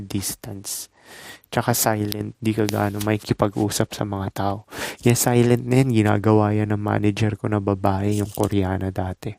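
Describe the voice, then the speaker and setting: Low gravelly man giving casual advice. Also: darkish tone, no room sound. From Philippines. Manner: laid-back, instructive, talks in short loose phrases with tag questions. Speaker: dating and self-improvement vlogger.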